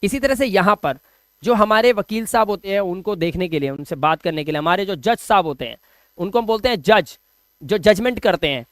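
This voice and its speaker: A man's voice: high-pitched, a little fast, fairly bright tone, dry recording. A man giving an online video lesson on English pronunciation, explaining patiently in Hindi and dropping in English phrases. He keeps repeating each word and asking rhetorical questions to drill the point.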